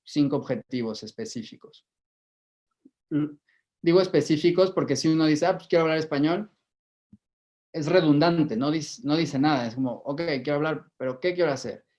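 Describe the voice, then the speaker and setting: A man with a Mexican Spanish accent giving a measured lecture to a live audience, often repeating words while he thinks. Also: medium pitch, a little mellow. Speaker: guest lecturer. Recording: dull lo-fi recording.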